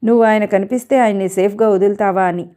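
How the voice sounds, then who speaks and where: A woman's voice: mid-range voice, fairly even intonation, fast, dark tone, natural voice. A woman reading the lines of a young man who jokes lightly with his fiancée. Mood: playful.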